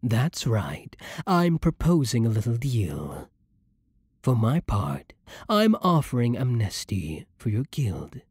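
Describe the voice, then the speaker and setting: A man playing a seductive, menacing vampire lord in an ASMR roleplay, with a breathy voice and a silky, theatrical, condescending manner. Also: medium pitch, wildly swooping pitch, darkish tone, dry recording, studio quality, heavily acted. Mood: condescending, coaxing. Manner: slow, theatrical, silky condescension with dropping murmurs. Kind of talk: ASMR roleplay, scripted monologue to the listener.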